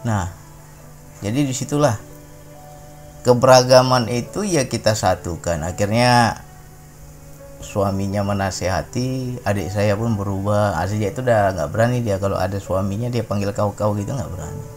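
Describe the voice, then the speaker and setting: A man's voice: on the low side, moderate pace, long pauses, a little mellow, faint music behind. A middle-aged man from Sumatra, giving an informal spiritual talk in a conversational way, often tagging his sentences with a questioning "ya". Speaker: religious talk speaker.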